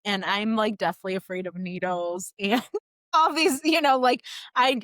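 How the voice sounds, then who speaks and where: A woman talks through her own story as a podcast guest, chatty and animated, leaning on fillers like "like" and "you know". Her voice sits at an ordinary middle pitch. The recording is dry and close, with no room echo. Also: unhurried. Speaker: podcast guest, doula business founder. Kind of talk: personal storytelling in a podcast interview.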